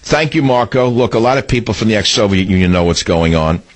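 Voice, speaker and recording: A man's voice: on the low side, expressive, fast talker. A man hosting a political talk radio show, ranting in combative, sneering bursts from a radio studio.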